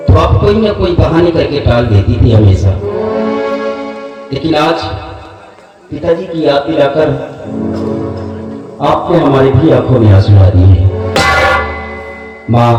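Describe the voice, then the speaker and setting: A man playing a passionate young son on a folk theatre stage, declaiming and rising to shouts. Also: mid-range voice, highs cut off. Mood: pleading. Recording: echoey distant stage mic, loud music.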